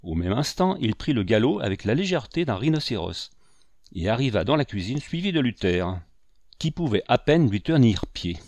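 A man reading a classic adventure novel aloud in measured, even narration. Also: medium pitch, no room sound. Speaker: audiobook narrator. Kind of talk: literary audiobook narration.

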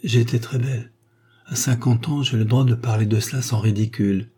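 A man's voice: mid-range voice, steady tone, normal speed, mellow, slightly rough, natural voice. A man voicing a wistful refined woman of fifty. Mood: heartfelt. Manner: earnest, heartfelt confession. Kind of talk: audiobook reading of a short story.

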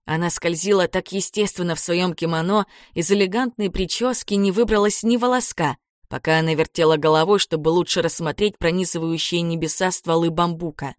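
A woman narrating an audiobook in a calm, even, scripted way. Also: lowish voice, a little fast, hardly any pauses, no room sound, studio quality.

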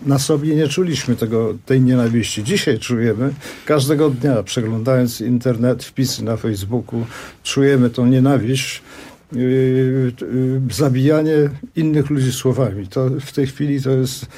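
A man's voice: medium pitch, moderate pace, mellow. A man, a guest musician on a radio show, recalling things hesitantly with many fillers. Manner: hesitant, full of fillers, reflective. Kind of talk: radio interview.

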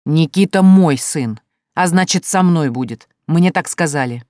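A reader voicing a rough, drunk, brutal man who threatens and snarls slowly and loudly in an audiobook. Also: medium pitch, dry recording, clean studio sound, close to an everyday voice. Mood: menacing. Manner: coarse, menacing, slow and loud. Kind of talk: audiobook character voice.

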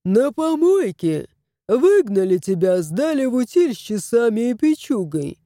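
A cocky hairless tomcat from a storybook, blunt and bossy, mocking the old spirit, as a woman voices him. The voice sits high and moves a lot in pitch, and is dry and close. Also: big pitch swings, unhurried, mellow, dry recording. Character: brash hairless male sphynx cat, cocky.

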